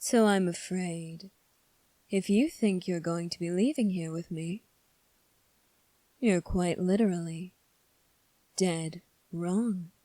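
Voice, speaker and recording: With a warm tone on the low side, a woman plays a young fantasy prince for ASMR roleplay, regretful yet resolute. The character is composed and coolly defiant, and she delivers lines formally and deliberately, with long pauses and no echo.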